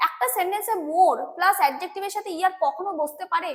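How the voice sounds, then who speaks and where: High-voiced Bengali woman teaching grammar. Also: quick pace, a bit bright. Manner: patient, repetitive, calls students "babu", checks understanding. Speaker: English teacher. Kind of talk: exam-prep grammar lesson.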